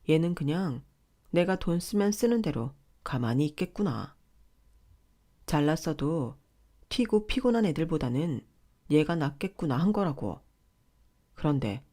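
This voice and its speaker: A woman's voice: deep voice, expressive, unhurried, pauses often, dark tone. Arrogant young husband, sneering and condescending, a woman doing him in a radio drama. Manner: sneering and dismissive.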